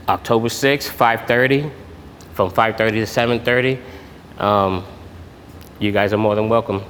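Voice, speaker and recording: A man, a military veteran giving an informal talk at a networking event, halting and full of filler sounds. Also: on the low side, a bit bright. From Puerto Rico. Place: event room. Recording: echoey hall with background noise.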